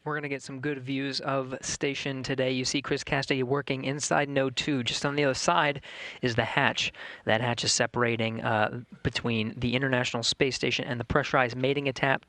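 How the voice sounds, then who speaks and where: Casting: male as live spaceflight commentator, measured and informative, recorded dry. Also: mid-range voice, little pitch movement, sharp tone, dry recording. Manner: measured, explanatory. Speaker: mission control commentator.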